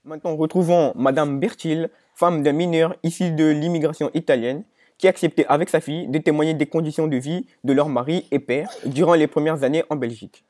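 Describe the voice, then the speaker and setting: A man's voice: fairly high pitch, fairly even intonation, fairly quick, a little mellow. A young man presenting scripted news as an anchor.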